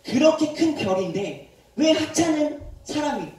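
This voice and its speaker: A man who is a youth pastor, preaching a sermon to a youth group and telling the story in a lively way while quizzing his listeners. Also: extremely high pitch, unhurried. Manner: animated storytelling, quizzes the audience. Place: church hall. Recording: echoey hall, far from the mic.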